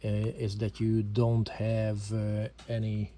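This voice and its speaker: A Hungarian amateur gun reviewer speaks slowly and in monotone, his lowish voice dark, as he hesitantly explains a handgun in a casual home video. English is his second language, his accent is Hungarian, he uses plenty of fillers, and slight background noise is present.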